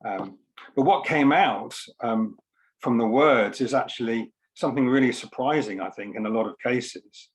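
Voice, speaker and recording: At an online book launch, a man who is both a poet and a scientist gives an informal talk, hesitant and reflective, hedging his words carefully. His voice is mid-range at a moderate pace, and the recording is rough.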